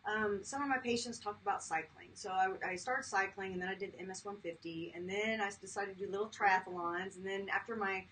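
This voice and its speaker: A woman's voice: medium pitch, fairly quick, hardly any pauses, a bit bright. Chatty fifty-something woman guest, laughs easily, recorded from a distance. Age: 50s. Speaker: guest, chiropractor. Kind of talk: casual interview talk. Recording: distant mic with faint background noise.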